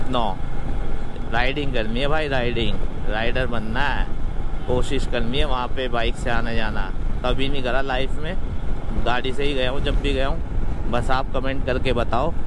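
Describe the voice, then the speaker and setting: Young male motovlogger, chatty and joking, talking mid-ride over clear traffic noise. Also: mid-range voice. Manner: chatty, joking, addresses viewers directly. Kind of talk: casual riding commentary. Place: riding a motorcycle on city roads outdoors. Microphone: helmet or body camera mic while riding. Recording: traffic and wind noise outdoors.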